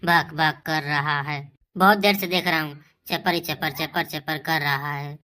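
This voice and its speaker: A woman voicing a short-tempered male teacher who threatens the boys in a clipped, gruff way. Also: deep voice, fairly even intonation, unhurried, sharp tone, voice pushed down. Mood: threatening.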